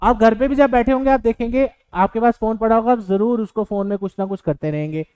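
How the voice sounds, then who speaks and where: A man's voice: sits high, fast talker, darkish tone, clean tone, dry recording, low-quality recording. A man teaching exam aspirants, giving earnest advice in a motivational lecture with a few fillers. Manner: earnest, advising, with fillers and English words mixed in. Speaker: coaching teacher.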